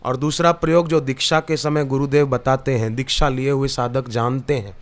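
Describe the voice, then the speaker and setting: In a discourse hall before an audience, a man delivers a Hindi satsang in a mid-range voice at normal speed, his intonation fairly even. He preaches through scripture stories and quoted verses, with emphatic rises.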